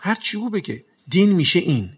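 A man's voice: high-pitched, very animated, breathy edge. A man preaching a sermon, telling stories with acted-out dialogue between speakers. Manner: storytelling, acts out dialogues, laughs at his own story. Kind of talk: sermon with anecdotes and Quran recitation.

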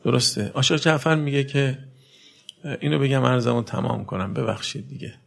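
Male preacher, gravelly voice, sermon, loud bursts then hushed passages. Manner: swings between loud emphatic outbursts and soft low passages; addresses listeners directly with rhetorical questions. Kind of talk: religious sermon.

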